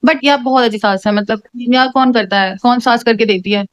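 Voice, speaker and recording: A young woman vlogging from home, telling a story in a chatty, animated way and dropping English words into her talk. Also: on the high side, fairly quick, no echo. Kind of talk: casual chatty vlog. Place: home, indoors.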